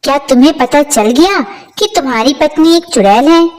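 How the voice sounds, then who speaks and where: A woman's voice: high voice, normal speed, darkish tone, lightly acted, poor audio. A woman doing an insistent suspicious young man. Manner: urgent, insistent, warning. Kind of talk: storybook character voice.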